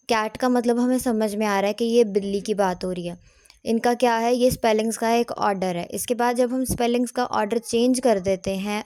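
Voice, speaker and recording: A woman's voice: a little high, dark tone, no echo. Woman teaching grammar in a dry close voice. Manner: explains step by step, slow on English headings. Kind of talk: recorded lecture.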